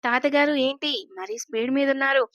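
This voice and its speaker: A woman's voice: high voice, steady tone, fairly quick, fairly bright tone, no room sound, lo-fi sound. Woman voicing a teasing young man in love.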